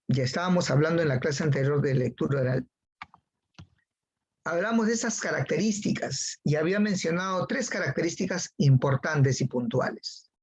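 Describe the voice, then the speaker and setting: A man's voice: fairly high pitch, slightly rough, dull audio. A man teaching a class, who repeats key phrases and calls on students by name. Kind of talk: online class lecture.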